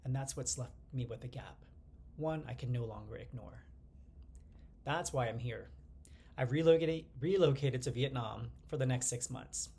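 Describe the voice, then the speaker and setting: A man in his forties from the United States, speaking to the camera in a measured, earnest personal monologue as the channel's host. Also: medium pitch, creaky, dark tone, a little hiss or hum. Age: 40s. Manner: earnest, measured delivery in short phrases, glancing at notes.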